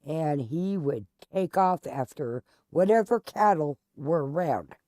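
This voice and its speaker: A gaming channel host chats casually and candidly while she plays, rambling and telling stories along the way. Her voice is deep, animated, slow, and mellow, recorded at studio quality with no echo.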